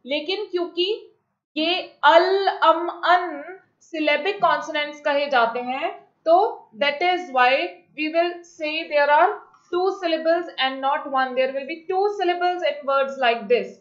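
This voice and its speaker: A woman with a high voice teaches an exam-prep class, reading questions slowly in English and then explaining them quickly in Hindi, often saying things more than once. The audio is echoey, dull, and lo-fi.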